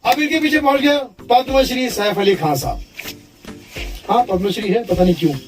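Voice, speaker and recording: A man doing live stand-up comedy with brisk joking patter. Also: very high-pitched, music in the background.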